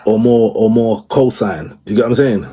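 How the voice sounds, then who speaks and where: Low husky man, emphatic chat. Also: brisk, mellow. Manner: emphatic, keeps checking the listener follows. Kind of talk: casual podcast chat.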